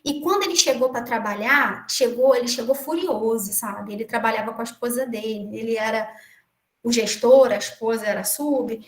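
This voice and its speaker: A Brazilian woman gives a lecture and weaves in a personal story in a chatty, digressive way. Her voice sits high. It rings out in a reverberant room. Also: moderate pace. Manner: chatty, many asides and restarts. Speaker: municipal attorney giving a lecture. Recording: echoey room.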